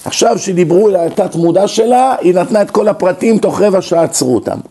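A man with a slightly high, gravelly voice and a dark, mellow tone gives a lecture. He tells stories and acts out the people in them, shifting his voice for each quoted line. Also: expressive. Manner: storytelling, acts out quoted dialogue with shifts in pitch. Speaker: religious lecturer. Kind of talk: lecture on the mind and soul.

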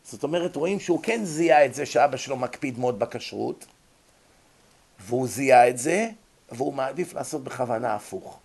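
Guy giving a religious psych lecture, gravelly voice, keeps asking the room if they get it. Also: mid-range voice, lively intonation, a little mellow. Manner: explains with rhetorical questions to the audience.

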